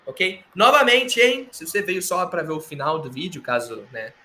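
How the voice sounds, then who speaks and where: A man with a Brazilian Portuguese accent co-hosting a podcast, retelling events in animated casual chat full of slang and fillers. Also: on the high side, moderate pace, slight background noise. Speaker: podcast co-host. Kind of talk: casual wrestling recap chat.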